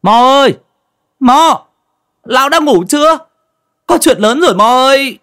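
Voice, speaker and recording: A man's voice: sits high, lively intonation, moderate pace, voice pushed up. A man voicing a timid young male servant who stammers and pleads, in a story reading. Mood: calling out. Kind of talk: storybook voice acting.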